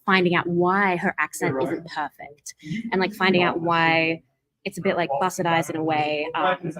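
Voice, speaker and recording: A woman's voice: lowish voice, steady tone, normal speed, a crowd in the background, rough recording. A young woman with an Australian accent, a filmmaker and voiceover actor, chatting casually in an interview with many fillers. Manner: chatty, lots of fillers and laughs.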